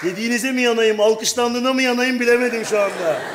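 A man's voice: very high-pitched, fast talker, crowd noise, background noise. A man performing a stage comedy bit, boastful and mock-dramatic. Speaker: comedy sketch contestant.

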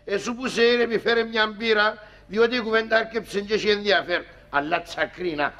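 An actor playing a loud, boisterous neighbour who keeps teasing, with a Cypriot accent. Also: male voice, high-pitched, muffled recording. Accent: Cypriot Greek. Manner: boisterous, shouting. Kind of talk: sitcom acting.

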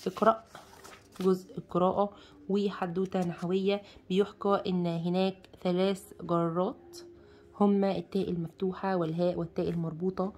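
Egyptian woman, quick and chatty book reviewer, enthusiastic, filler-heavy. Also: on the low side, little pitch movement, darkish tone. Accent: Egyptian Arabic. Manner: chatty, enthusiastic, many fillers, lists contents aloud. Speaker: bookshop presenter reviewing a children's book. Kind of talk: casual book review while leafing through pages.

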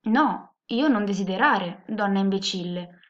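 A woman's voice: medium pitch, unhurried, natural voice. A woman voicing a naive, polite little male elf child who speaks in earnest, broken grammar. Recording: muffled lo-fi recording.

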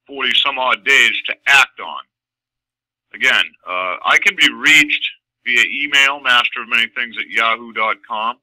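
A man's voice: medium pitch, pushed and bright, no echo, rough recording. A man activist leaving a stern, confrontational voicemail, formally addressing the listener as sir. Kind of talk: phone message.

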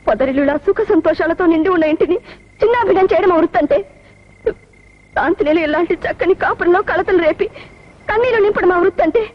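A woman's voice: extremely high pitch, fast. An actress playing a kind young mother who pleads earnestly and emotionally, in 1980s film dialogue. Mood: pleading. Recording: dull old film soundtrack with noise.

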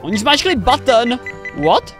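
A young man hosting a reaction video in casual commentary, excitable and quick to shout warnings, often repeating himself. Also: extremely high pitch. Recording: loud music under the voice. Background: the animation's music.

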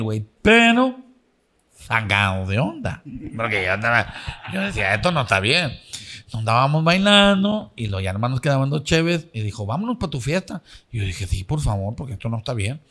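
A man with a Mexican accent telling a long joke on stage, full of slang, acting out the dialogue with sudden high squeaky bursts. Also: bright, forceful tone.

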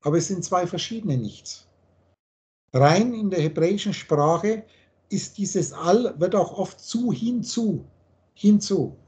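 A man's voice: sits high, expressive, a little slow, darkish tone. A man lecturing on a video call and explaining the meaning of words letter by letter, in the manner of a spiritual teacher. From Germany.

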